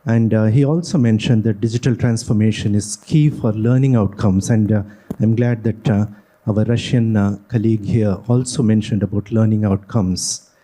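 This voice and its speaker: A man from the audience putting a question to the panel, soft-spoken and halting. His voice is low, very dark and husky. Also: steady tone. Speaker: audience member asking a question. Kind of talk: question from the floor.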